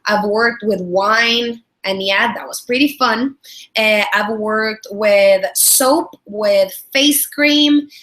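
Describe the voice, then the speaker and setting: She speaks slowly in a mid-range, fairly bright voice. A Salvadoran woman in her thirties working as a product strategist and trainer, she hosts a friendly business webinar in her Salvadoran Spanish accent, with frequent fillers and repeated words.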